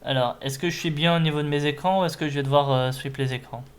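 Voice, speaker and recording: A man's voice: on the high side, fairly even intonation, fast, clear, resonant tone. A man live streaming a video game, commenting casually between bits of dialogue he reads aloud.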